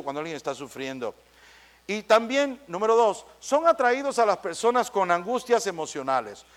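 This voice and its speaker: A man preaching a sermon, animated and acting out small scenes between people. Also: sits high. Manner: animated, acts out little dialogues with shifting voices.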